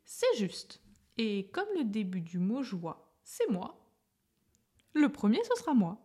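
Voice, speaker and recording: A woman's voice: mid-range voice, wildly swooping pitch, takes it slowly, warm tone, husky, full character voice. A woman voicing an eager, pushy male letter J who insists on being first, in a storybook. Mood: insistent.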